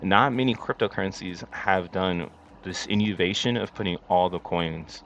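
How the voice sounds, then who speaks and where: A deep-voiced man talks like a crypto bro, pitching coins to a live chat in loose slang with bold, drawn-out emphasis. The sound is dull and lo-fi, with faint noise behind him. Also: vocal fry, fairly bright tone. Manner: crypto bro hype talk, slangy and boastful. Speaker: livestream host.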